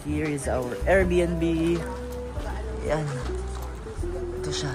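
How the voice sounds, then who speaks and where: A man with a Filipino accent chatting casually in a travel vlog, mixing Tagalog and English in an unhurried way. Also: fairly high pitch, over loud music. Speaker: vlogger.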